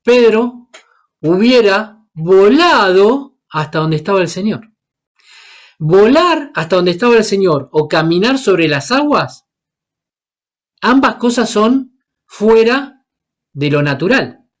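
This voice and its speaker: A man's voice: high voice, big pitch swings, takes it slowly, long pauses. A man from Paraguay, preaching a sermon and asking the congregation questions as he acts out the Bible characters. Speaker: guest preacher.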